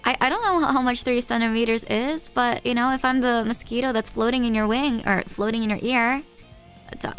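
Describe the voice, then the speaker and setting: A woman with a high voice and a gravelly fry chats with her stream viewers, rambling and giggling as she teases herself. Soft music plays faintly behind her. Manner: giggly, rambling, self-teasing. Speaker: live-stream host. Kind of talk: casual live-stream chat with viewers.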